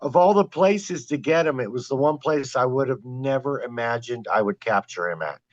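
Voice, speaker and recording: A man guesting on a podcast, telling his wildlife camera stories in an animated, excited way. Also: medium pitch, moderate pace, highs cut off. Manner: excited, animated retelling with quoted exclamations. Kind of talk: storytelling in a podcast interview.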